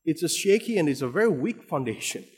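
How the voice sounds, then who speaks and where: Fast, animated and husky, this fairly high-voiced man from Indonesia preaches with an Indonesian accent. He restarts often and repeats words as the sermon builds to emphatic stress, with long hall reverb on the recording.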